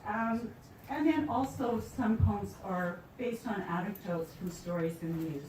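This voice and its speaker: A Canadian woman poet with a medium-pitched voice chats unhurriedly with a live audience, telling stories with light humor before reading her work. The recording comes from an echoey room with a distant mic, faint ambience and background noise.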